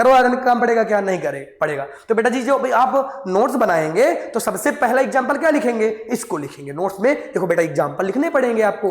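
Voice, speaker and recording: A male teacher giving a school science lesson, calling his students affectionately and adding playful asides. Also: sits high. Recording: echoey room with long reverb.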